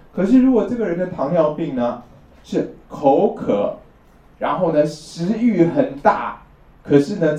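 A medium-pitched man with a dark tone gives a traditional Chinese medicine lecture in class, taking his explanations step by step and often confirming his listeners agree. The audio is a distant, roomy, lo-fi capture.

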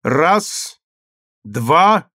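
A man voicing a calm, firm male second at a duel, speaking in a measured, commanding way. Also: a little high, no echo, studio quality, heavily acted.

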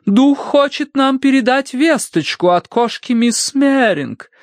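A man reading an audiobook voices an imperious woman spirit medium who speaks in a slow, hoarse, eerie howl. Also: extremely high pitch, expressive, dry recording, voice pushed up, full character voice. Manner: slow, commanding pronouncements. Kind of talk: audiobook character voice.

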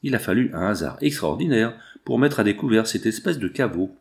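A man's voice: lowish voice, animated, fairly quick, vocal fry. A man voicing a talkative, jovial young male hospital intern in a French audiobook. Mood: musing.

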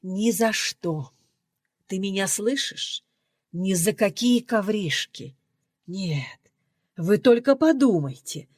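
Woman doing an angry middle-aged mom, scolding, voice jumps up high and loud, dry close mic. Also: big pitch swings, unhurried, no room sound. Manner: scolding, rising to loud outbursts. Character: indignant middle-aged mother, scolding and bitter. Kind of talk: audiobook character reading.

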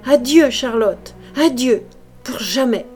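A woman's voice: a little high, animated, drawn-out words, fairly bright tone, voice pushed up, heavily acted. A woman reading the part of an anguished young man declaiming mournful verse, with music behind. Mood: pleading.

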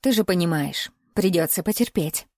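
A woman's voice: lowish voice, animated, normal speed, dry recording, clean studio sound. A woman voicing a menacing male captor who speaks in a falsely tender, self-pitying croon, sometimes dropping to a whisper. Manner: soft crooning, at times whispering.

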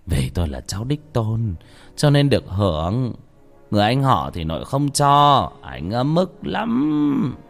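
A man reading a horror story aloud, with dramatic shifts of pitch for tension. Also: wildly swooping pitch, measured pace, vocal fry, faint music behind. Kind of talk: scripted horror story narration.

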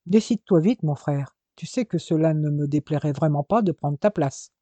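A man reading aloud as a furious young man who talks in sharp, raised, scolding bursts. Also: fairly high pitch, moderate pace, no echo, close to an everyday voice.

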